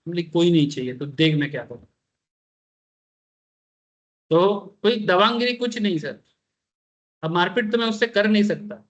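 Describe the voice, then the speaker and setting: A male teacher telling a personal story to his class in an animated way, turning to his listeners directly. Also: high voice. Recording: dull lo-fi recording.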